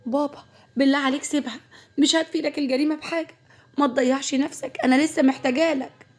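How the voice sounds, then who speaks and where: A woman's voice: high voice, steady tone, quick pace, pitched above the performer's own voice, natural voice. A woman voicing a frightened young woman who pleads and frets, with an Egyptian Arabic accent. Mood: pleading.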